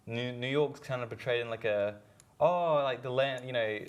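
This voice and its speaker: A man's voice: mid-range voice, moderate pace, clean tone. A man co-hosting a film podcast, talking casually and rambling with many fillers and restarts. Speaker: podcast co-host.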